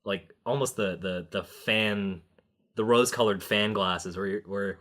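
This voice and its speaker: A young man co-hosting a podcast, talking in a loose, animated way, laughing often and swearing casually. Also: on the low side, measured pace. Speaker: podcast co-host.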